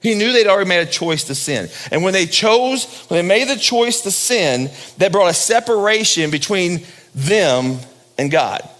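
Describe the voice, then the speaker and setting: A pastor preaching a sermon at a pulpit microphone, swinging from loud high emphasis down to low hushed lines. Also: male voice, lively intonation, normal speed, big-room sound.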